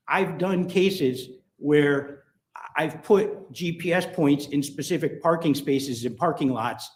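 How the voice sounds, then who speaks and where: Male witness in an echoey courtroom recording. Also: mid-range voice. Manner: measured, technical, with frequent ums and restarts. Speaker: expert witness on phone and vehicle location data. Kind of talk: courtroom testimony. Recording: echoey courtroom audio from a distant mic.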